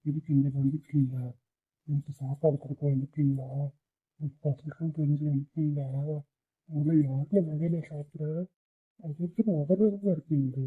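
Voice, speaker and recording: A man voicing a hungry ghost who gloats about eating the children he has caught, talking in a booming, relishing way. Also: steady tone, normal speed, husky, narrow, tinny audio. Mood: gloating.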